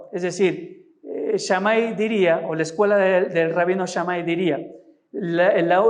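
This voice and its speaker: Mexican pastor, male, high-pitched, preaching and checking in with listeners. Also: a little mellow. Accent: Mexican Spanish. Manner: teaching, asks listeners rhetorical questions. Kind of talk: sermon.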